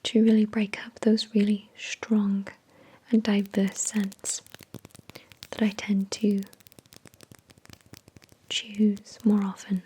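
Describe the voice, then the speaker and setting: A woman hosting an ASMR product review in a soft, breathy whisper, with an unhurried, measured delivery. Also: medium pitch, completely flat delivery, rough recording. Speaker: ASMR video host.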